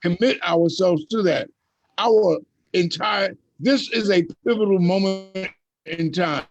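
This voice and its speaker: Older man hosting, gravelly and high. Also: slow pace, no room sound, highs cut off, soft background music. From USA. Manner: storytelling, earthy, emphatic. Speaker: open mic host. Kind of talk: casual group talk.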